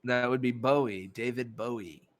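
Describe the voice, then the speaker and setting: A man's voice: mid-range voice, moderate pace. A man hosting a casual trivia game, reading out questions and teasing the players with a lot of swearing. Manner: joking, swears freely, reads quiz questions aloud. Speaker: host running a trivia game. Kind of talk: casual chat.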